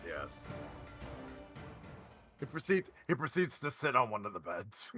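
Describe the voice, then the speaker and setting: A man's voice: mid-range voice, very animated, measured pace, bright, forceful tone, husky, no echo, faint music behind. A man playing a tabletop game, playful and joking. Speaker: player. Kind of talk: tabletop role-play chat.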